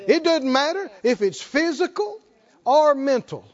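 A man's voice: very high voice, big pitch swings, a little slow, dull audio. A male pastor preaching a sermon, emphatic, prompting the congregation with short questions.

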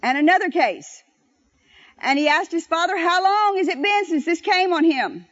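A woman preaching a sermon, leading the congregation in call-and-response. She is animated and slows down to stress scripture. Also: extremely high pitch. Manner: animated, slows down to stress scripture and leads the crowd in repeating lines. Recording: dull, lo-fi church recording.

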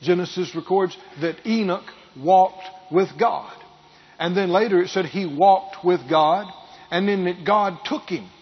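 A pastor preaching a sermon, repeating key phrases for emphasis and building to loud bursts. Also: male voice, sits high, a little slow, breathy edge, lo-fi sound.

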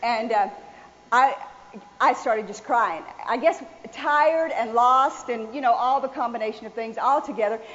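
A woman preaching a sermon, telling a personal story in a folksy, animated way. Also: fairly high pitch, measured pace. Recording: dull sound with long hall reverb.

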